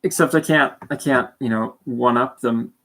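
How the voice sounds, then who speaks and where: With a fairly bright tone at medium pitch and normal speed, a Canadian streamer in his late teens rambles through casual livestream chat. He's half asleep with a sore throat, self-deprecating and constantly restarting to correct himself.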